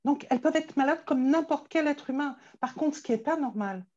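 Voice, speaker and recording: Heard on a lo-fi recording, this guest is a therapist and stress coach with a high, darkish voice who talks a little fast. She chats openly and with energy in an interview, frequently restarting by repeating her first words.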